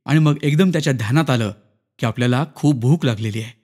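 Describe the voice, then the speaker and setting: A man narrating a short story in an expressive, dramatic reading. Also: mid-range voice, quick pace. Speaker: story reader. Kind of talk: scripted narration.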